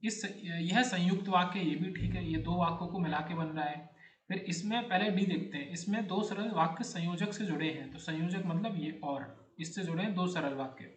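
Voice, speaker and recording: A man with a high voice teaches an exam-prep grammar lesson. He works through each answer step by step and repeats words as he checks them. The sound is roomy, with a clear echo around him. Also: moderate pace. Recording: echoey room.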